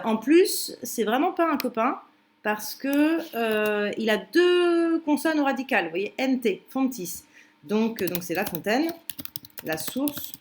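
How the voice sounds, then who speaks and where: French woman explaining with many fillers. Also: medium pitch. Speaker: teacher. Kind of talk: commented translation lesson.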